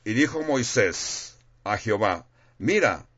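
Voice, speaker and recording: A man's voice: lowish voice, expressive, takes it slowly, fairly bright tone, breathy edge, lo-fi sound. A man preaching a sermon in a plain, conversational way, reading scripture aloud and explaining it.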